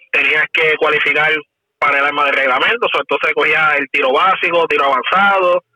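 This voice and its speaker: A man, a police officer telling about his weapons training in casual conversation, halting and repeating words as he recalls. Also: fairly high pitch, bright, forceful tone, no room sound, rough recording.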